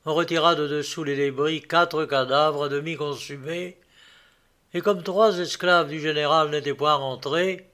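A male narrator reads a classic tale at an unhurried, deliberate pace. His voice is somewhat higher than most men's and stays steady and measured throughout. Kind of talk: audiobook reading.

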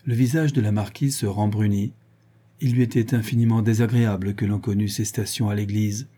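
A man narrating a novel as an audiobook in a measured, literary storytelling style. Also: lowish voice, fairly even intonation, mellow, slightly rough.

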